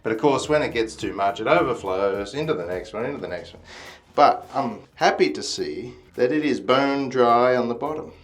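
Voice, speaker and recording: A man's voice: medium pitch, lively intonation, moderate pace, soft background music. A man casually chatting to the camera while working, his voice echoing with the reverb of an enclosed metal space. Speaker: DIY vlogger. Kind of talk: casual self-filmed chat.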